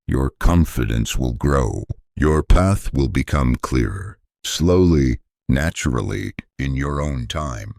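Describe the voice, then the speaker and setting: A man giving a calm repeat-after-me English lesson, speaking gently and deliberately in a soothing tone. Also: extremely low pitch, vocal fry, dry recording, studio quality. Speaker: English teacher.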